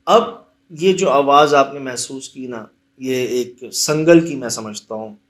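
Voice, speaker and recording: A man, a paranormal investigator retelling a haunted visit in a lively, dramatic way. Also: mid-range voice, takes it slowly. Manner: animated, dramatic retelling with rising emphasis. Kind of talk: casual storytelling chat.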